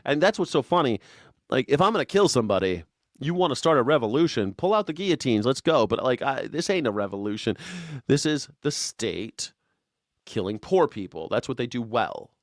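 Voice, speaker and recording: A man's voice: mid-range voice, sing-song, brisk, no echo. Man, 40s, live stream host, sarcastic and profane, loose rambling delivery, dry close sound. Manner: sarcastic, profane and rambling, reads chat comments aloud. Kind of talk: casual political comedy rant.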